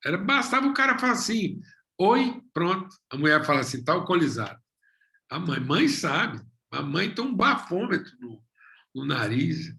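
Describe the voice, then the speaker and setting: A middle-aged Brazilian man preaching a sermon as pastor, emphatic, with repeated phrases and dramatic pauses. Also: a little high, big pitch swings, vocal fry, pushed and bright. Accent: Brazilian Portuguese.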